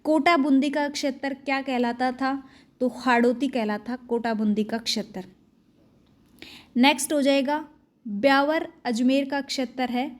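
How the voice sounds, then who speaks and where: A young woman teacher with a high voice runs through an exam-prep quiz lesson at a fast, brisk clip. She reads out a question, then answers it herself in a clear, drilling manner. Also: fairly even intonation.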